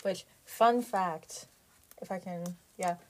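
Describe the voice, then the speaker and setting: In this casual vlog, a young woman talks in a rambling, chatty way from inside a small closet at home. Her voice is fairly low and slow, and the recording carries both crowd noise and light background noise.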